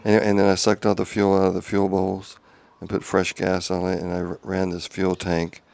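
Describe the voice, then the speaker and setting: A hobby car restorer gives a casual workshop update video on a small clip-on wireless mic, with no echo. His deep, gravelly voice is quiet and halting in a flat monotone, full of ums and restarts.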